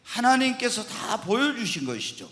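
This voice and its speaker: A man's voice: very high-pitched, very animated, normal speed, a bit bright. A male pastor teaching the Bible in a sermon, asking the congregation questions and answering them himself. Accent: Korean. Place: church sanctuary. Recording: long hall reverb in church.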